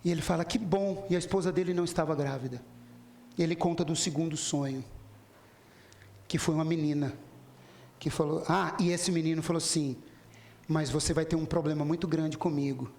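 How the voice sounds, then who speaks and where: A man with a somewhat high, gravelly voice delivers a spiritist lecture as a story. He slips into the quoted lines of the people in it and turns to address the audience directly. The sound carries the echo of a hall. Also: steady tone, fairly quick, pauses often, darkish tone. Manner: retells dialogues in quoted voices, speaks directly to listeners. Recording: echoey hall.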